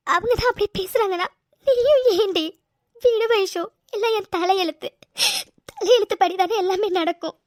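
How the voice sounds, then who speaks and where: Brief: woman as gentle, self-blaming cartoon girl in tears; very high pleading voice, dry booth sound. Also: dry recording. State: crying. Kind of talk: cartoon voice acting.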